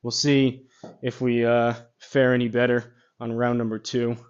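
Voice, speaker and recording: A man giving casual golf simulator commentary, rambling as he thinks out loud. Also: mid-range voice, monotone, unhurried, smooth, muffled recording.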